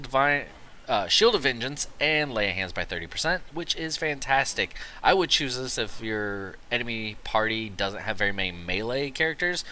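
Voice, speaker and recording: A young man giving a casual, rambling game guide commentary, excited and tired after work. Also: medium pitch. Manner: excited, rambling, quick asides. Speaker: gaming video creator.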